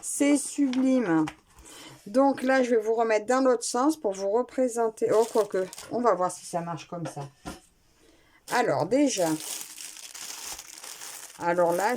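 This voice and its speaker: A woman's voice: medium pitch, mellow, slight background noise. A woman chatting casually while unboxing a craft kit at home, talking with hesitations and restarts into a nearby camera mic. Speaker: craft vlogger. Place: at home, indoors.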